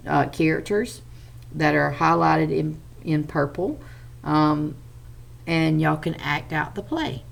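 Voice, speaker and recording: A woman's voice: low-pitched, creaky. A woman teacher, patiently explaining a reading lesson step by step to children.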